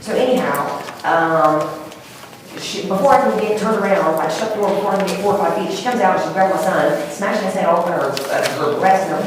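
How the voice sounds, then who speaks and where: A woman's voice: fairly low pitch, fairly quick, recorded from a distance. A woman testifying in court, rambling and emotional, with many fillers. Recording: echoey courtroom heard from afar, noisy.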